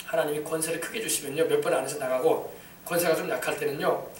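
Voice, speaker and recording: A man preaching a sermon in a high, steady voice at a quick, driving clip, now and then shouting out commands. The recording catches him from a distance inside a spacious, reverberant church, with a faint noise bed beneath.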